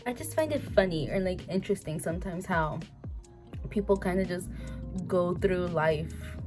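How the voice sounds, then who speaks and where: A woman's voice: lowish voice, normal speed, over music. A woman in her twenties chatting casually to camera, rambling with many fillers and restarts. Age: 20s. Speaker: vlogger.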